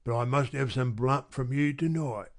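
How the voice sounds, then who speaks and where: A man's voice: medium pitch, normal speed, lightly acted. A man voicing a surly, bitter housebreaker who growls and demands. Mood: demanding. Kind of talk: audiobook character reading.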